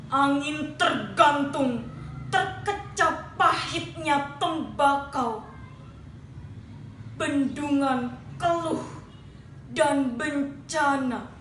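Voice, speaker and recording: A woman reciting a poem slowly and dramatically, drawing out each phrase. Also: high-pitched, a bit bright. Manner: slow, dramatic, drawn-out. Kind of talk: poetry recitation. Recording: roomy, distant mic with faint ambient noise.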